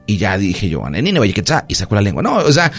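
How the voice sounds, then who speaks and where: A man's voice: on the low side, fast talker, slightly rough, soft background music. A man with a Mexican accent, a doctor hosting a casual radio chat, telling stories with lots of fillers. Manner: storytelling, animated, lots of fillers.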